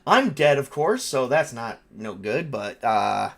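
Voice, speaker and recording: This game master speaks slowly in a creaky mid-range voice with big swings in pitch, over a loud crowd. Running a tabletop role-playing session, he narrates and chats in a casual, unscripted way, often repeating phrases while he thinks out loud.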